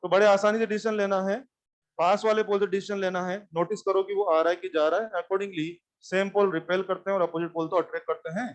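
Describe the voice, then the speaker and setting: A man teaching physics to a class, animated and often repeating questions back to students. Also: high voice, brisk. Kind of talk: classroom lecture.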